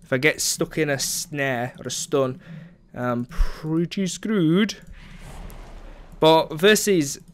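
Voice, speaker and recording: A young man chats casually over his own gameplay, sarcastic about his teammates and saying um a lot. His voice is a little high and smooth, with lively intonation and a slow pace.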